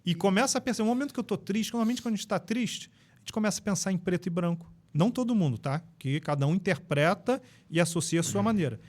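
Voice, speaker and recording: A Brazilian man explaining ideas in an animated, instructive way as a guest on a casual podcast. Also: high voice, fast. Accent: Brazilian Portuguese. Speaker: podcast guest, NLP trainer.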